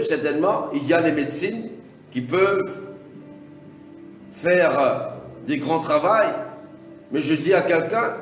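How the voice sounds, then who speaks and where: A man preaching a Pentecostal sermon, repeating himself and punctuating his lines with alleluia, now and then building to shouts. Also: on the high side. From Mauritius. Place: large church hall. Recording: echoey hall from far off, faint music.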